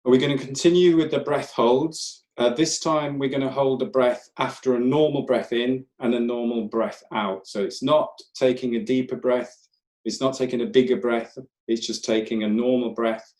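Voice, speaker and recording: A man leading a live online breathwork class, counting breaths and giving calm, gentle step-by-step cues. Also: mid-range voice, normal speed. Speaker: breathwork instructor. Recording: roomy echo.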